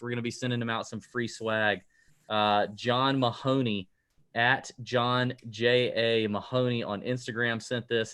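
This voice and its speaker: A man's voice: medium pitch, fairly bright tone. A man co-hosting a casual golf betting podcast, joking and rambling with frequent laughs. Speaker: podcast co-host.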